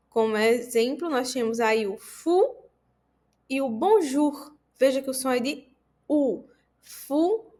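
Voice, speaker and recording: A woman leads an online French pronunciation lesson. Her voice sits a little high and she speaks slowly and deliberately. She drills each word clearly so students can repeat after her. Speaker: French teacher.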